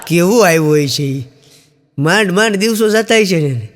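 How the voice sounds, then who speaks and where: High-voiced man telling jokes in a hall. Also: lively intonation, moderate pace. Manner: storytelling, acting out quoted characters with raised pitch. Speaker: stand-up comedian. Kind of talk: Gujarati joke telling to an audience. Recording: long hall reverb.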